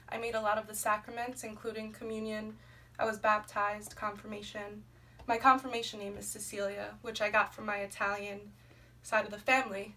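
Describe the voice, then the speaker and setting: A twenty-year-old student from Brooklyn, New York, reads a prepared class presentation about herself, steadily listing items. Her medium-pitched voice has a sharp tone, and the recording is noisy and somewhat distant.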